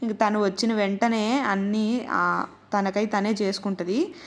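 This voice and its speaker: A mother in her thirties from Andhra Pradesh, India, with a Rayalaseema Telugu accent, narrates her household's day for her vlog viewers in a homely, easy manner. Her middle-pitched voice is relaxed, chatty and unhurried, like a casual vlog voice-over.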